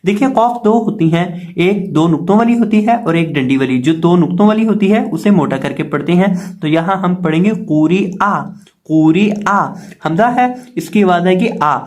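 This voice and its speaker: A man teaching Quran letter reading, spelling out syllables slowly and repeating them patiently. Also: high voice, a little mellow. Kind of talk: slow spelling-out lesson.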